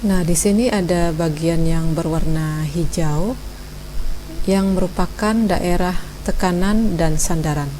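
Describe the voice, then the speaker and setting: A woman teaching Quran recitation from Indonesia, explaining letter sounds slowly and demonstrating them. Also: lowish voice, warm tone, slight background noise. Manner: slow, measured, demonstrating sounds. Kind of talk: instructional explanation.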